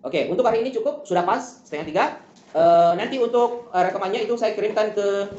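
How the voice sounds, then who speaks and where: A tutor talks quickly through a school lesson, building each point with everyday examples and looping back to the same wrap-up phrases. The sound is roomy and a little muffled, like a lo-fi recording in an echoing room. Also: medium pitch, a little mellow, a little hiss or hum. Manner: explains step by step with many examples; often repeats closing phrases.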